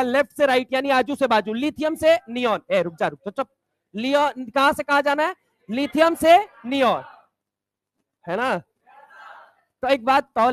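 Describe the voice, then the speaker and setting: High-voiced joking Hindi chemistry teacher. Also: male voice, no room sound. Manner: bantering, teasing students, drills mnemonics slowly; shouts key points. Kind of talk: classroom lecture with call-and-response.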